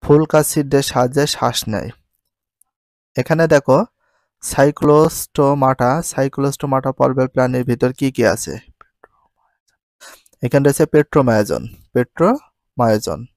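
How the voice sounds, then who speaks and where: A male teacher with a Bangladeshi Bengali accent, drilling textbook science terms by asking questions and repeating each answer slowly. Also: medium pitch, a little mellow, dry recording. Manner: mixes English words into his teaching.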